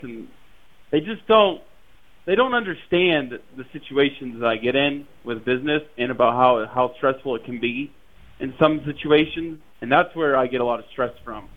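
A man joining a casual talk as a guest over a call, hesitant and full of fillers. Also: on the high side. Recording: tinny phone-like call audio.

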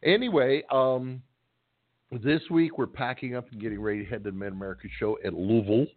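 A man's voice: mid-range voice, fairly quick, no echo. A middle-aged man co-hosting a trucking call-in radio show, chatting casually in a rambling, joking, folksy way. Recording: dry, tinny phone-line sound.

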